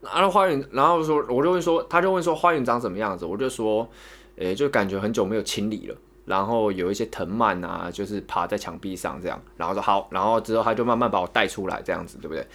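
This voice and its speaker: Talking at a quick pace in a fairly low voice, a young podcast co-host with a Taiwanese Mandarin accent spins out a long story. He rambles, repeats words, and gets animated during retellings, all in a casual tone.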